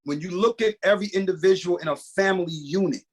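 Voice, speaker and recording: A man in casual podcast chat, telling animated stories and breaking into sung bits and dramatic readings. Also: high-pitched, quick pace. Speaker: podcast guest.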